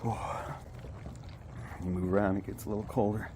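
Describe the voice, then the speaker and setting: A man shivering from cold, talking casually in short, halting phrases broken by sighs. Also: lowish voice, steady tone, noisy background. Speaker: ice bath participant. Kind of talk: casual talk during an ice bath.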